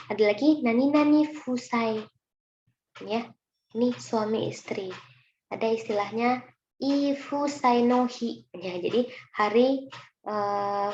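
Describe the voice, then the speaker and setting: A woman's voice: medium pitch, darkish tone. Indonesian woman teaching kanji, roomy sound. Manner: patient, chatty, often addresses students as minasan. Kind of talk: recorded online lesson explaining kanji. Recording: roomy, dull lo-fi recording with faint noise.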